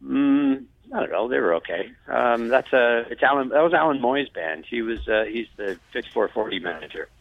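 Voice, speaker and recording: A man talking in a casual interview over a bad phone connection that breaks up, relaxed and hesitant, with many fillers. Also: medium pitch, moderate pace, creaky, hardly any pauses. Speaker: musician guest on the phone. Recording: tinny phone line.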